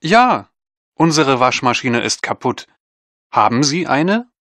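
A man's voice: medium pitch, very animated, bright, forceful tone, no room sound, exaggerated voice. An actor playing a man who wants to buy a washing machine, in a scripted textbook dialogue recorded in a studio. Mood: haggling. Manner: slow, deliberate speech. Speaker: buyer.

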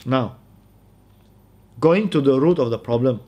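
Animated Malaysian English preacher, man. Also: mid-range voice, a little slow. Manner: animated, emphatic, acts out quoted voices. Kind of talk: conversational sermon.

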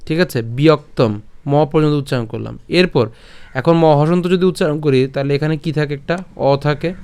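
A man with a smooth, resonant voice leads a verse pronunciation lesson. He moves step by step, poses questions and answers them himself. When he recites the verse he slows right down into a drawn-out chant, his voice sitting a little higher than most men's. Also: a little mellow. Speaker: Gita recitation teacher.

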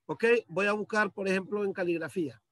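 A man's voice: high voice, steady tone, brisk, a bit bright, no room sound. A male teacher walking students through a computer task step by step, patiently, on a video call. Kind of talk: screen-share computer lesson. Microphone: computer mic on a video call.

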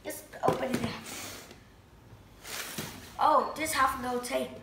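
Bright-voiced woman unboxing a toy helicopter. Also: sits high, takes it slowly. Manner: excited, exclaiming, talks to viewers as guys. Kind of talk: casual unboxing vlog. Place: indoors at home. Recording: echoey room, faint noise.

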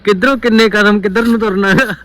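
Young male, Punjabi accent, high pitch, cocky and joking, casual conversational delivery. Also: steady tone, quick pace, pushed and bright.

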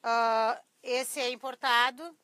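Thin, reedy, high-pitched Brazilian woman. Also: fairly even intonation, slow, pushed and bright, dry recording. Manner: chatty, informal, often addressing viewers. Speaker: craft teacher hosting a live class. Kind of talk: casual live-stream tutorial chat. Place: small cluttered craft workshop indoors. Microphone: clip-on lapel mic.

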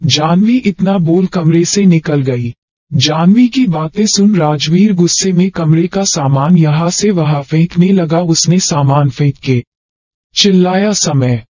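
A man's voice: on the high side, unhurried, no echo. Man narrating a dramatic audiobook. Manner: steady storytelling reading. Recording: dry, dull lo-fi.

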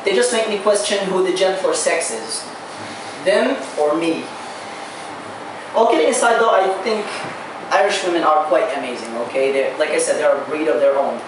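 A young man works through a stand-up set, stumbling over restarts and leaving drawn-out pauses. He talks into a handheld mic in a small bar, but the sound comes from a camera across the room. It is very roomy and distant, with a steady background noise. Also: on the high side. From Saudi Arabia. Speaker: stand-up comedian. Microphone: handheld mic, recorded by far camera.

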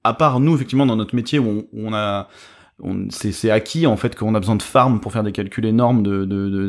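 Rambling middle-aged man co-hosting. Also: on the low side. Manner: rambling, halting, many fillers. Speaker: podcast co-host. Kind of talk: casual podcast chat.

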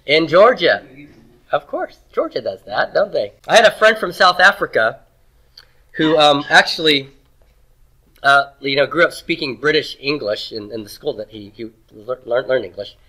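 A man's slightly high, bright voice carries lively intonation and a forceful edge at a moderate pace as he teaches Hebrew grammar in a Texas classroom. He explains things patiently and conversationally, occasionally clearing his throat. The sound quality is poor.

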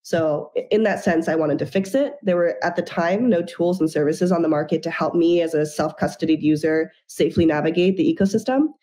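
A young woman founder speaks on a webcam video call from a room at home, her voice low for a woman and mellow in tone. She tells her story in an upbeat, fluent way as the guest of an interview. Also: a little fast, few pauses. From Japan and the United States.

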